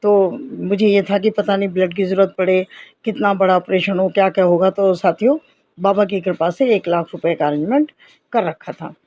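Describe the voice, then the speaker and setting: A woman's voice: mid-range voice, normal speed, darkish tone, no echo, muffled recording. A middle-aged woman earnestly telling a personal devotional testimony. She speaks straight to her listeners and acts out the conversations in her story. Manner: earnest, addresses listeners as companions, reenacts dialogue.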